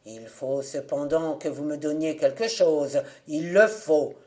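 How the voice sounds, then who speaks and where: A woman reads as a grim church beadle, a man who bellows his alms plea in a long, mournful drawl. The voice sits low and crawls, heavy and dark. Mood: harsh. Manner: lamenting, drawn-out bellowing.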